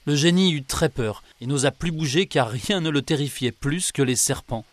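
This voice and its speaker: A man narrating a children's tale in a calm, measured way. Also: fairly high pitch, no room sound. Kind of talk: storybook narration.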